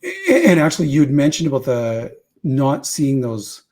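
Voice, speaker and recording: A man's voice: mid-range voice, wildly swooping pitch, a little slow, a little mellow. A man from Canada chatting casually on a podcast, talking through his ideas with conversational fillers and asides.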